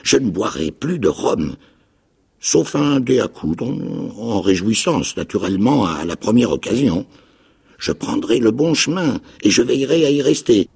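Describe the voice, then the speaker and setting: An actor playing a ragged, half-mad old marooned pirate with a raspy, creaking voice, pleading and eager in a dramatic radio reading of a novel. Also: male voice, unhurried, full character voice. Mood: eager rambling. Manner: high, pleading, eager voice with excited leaps.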